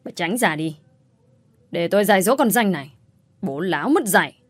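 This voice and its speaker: Acting out the dialogue of a harsh sister-in-law in a story, a woman heaps contemptuous insults and scolding. She speaks at a moderate pace in a lowish, animated voice, captured on a dry recording.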